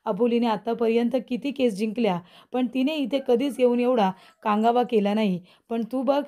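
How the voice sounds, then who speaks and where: A woman's voice: fairly high pitch, normal speed, warm tone, close to an everyday voice. A woman reading a stern, angry elder brother. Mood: scolding. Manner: scolding, lecturing.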